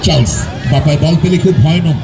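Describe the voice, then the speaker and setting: A man's voice: on the high side, fast talker. Frantic male football commentator over a roaring crowd. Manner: exclamatory, addresses the crowd. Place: outdoors at a local football ground. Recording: loud crowd and outdoor street noise. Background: loud crowd, outdoor urban noise.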